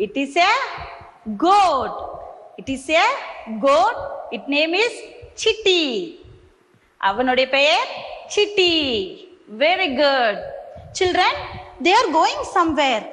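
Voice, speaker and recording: Woman, Tamil accent, very high voice, very slow, teacher addressing small children, reverberant room. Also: very animated, a bit bright, slight background noise. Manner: slow, sing-song questions, repeats each line in English then Tamil. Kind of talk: bilingual classroom lesson for young children.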